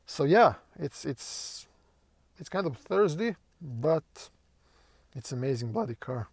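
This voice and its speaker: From inside his new car, a Croatian man whose first language is Croatian reviews it in a slow, rambling, hesitant way, swearing casually now and then. His voice is on the high side and husky, with lively intonation, and he fills his loose talk with fillers and restarts. There's no room sound.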